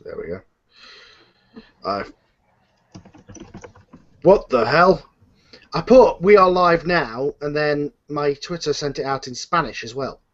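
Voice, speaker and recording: Speaking slowly with frequent pauses, a man with a slightly high, expressive voice runs a live online Q and A through a video call. He's unscripted, casual, somewhat flustered and rambling, and the internet call sounds muffled and lo-fi.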